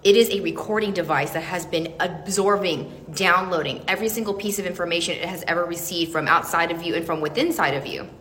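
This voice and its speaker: A woman's voice: on the low side, brisk, few pauses, a bit bright. Earnest woman in a reverberant room. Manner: earnest, emphatic, casually profane. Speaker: self-help speaker. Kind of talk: motivational monologue to camera. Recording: long reverb, faint background hiss.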